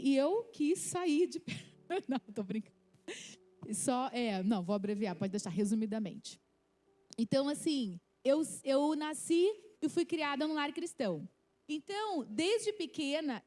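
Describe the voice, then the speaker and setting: A woman's voice: high-pitched, mellow. A woman in her thirties from Rio de Janeiro, with a Carioca accent, telling a personal testimony at a church youth service in an earnest, storytelling way. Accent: Carioca Brazilian Portuguese. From Rio de Janeiro, Brazil. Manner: earnest storytelling, many restarts and "né?" asides. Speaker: testimony speaker.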